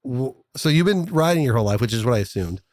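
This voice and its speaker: A man's voice: mid-range voice, animated, fast, a little mellow, no room sound, studio quality. A man hosting a podcast interview, enthusiastic and prone to stammering restarts. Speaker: podcast host. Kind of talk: casual interview chat. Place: recording studio.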